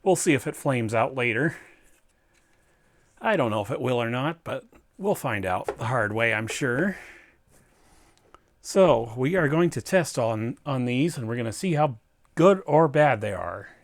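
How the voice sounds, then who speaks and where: Hosting a do-it-yourself electronics video, a man casually narrates his hands-on repair work, thinking aloud step by step and addressing the viewer directly. His mid-pitched voice is expressive, moving at a measured pace with long pauses.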